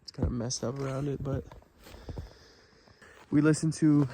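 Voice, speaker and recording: A man's voice: mid-range voice, steady tone, normal speed, dark tone. Offhand male camping vlogger, noisy recording. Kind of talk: casual overnight camping vlog narration.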